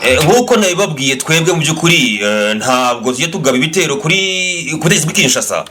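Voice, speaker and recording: A man interpreting an interview for a channel, briskly restating each answer. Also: on the high side, lively intonation, a crowd in the background.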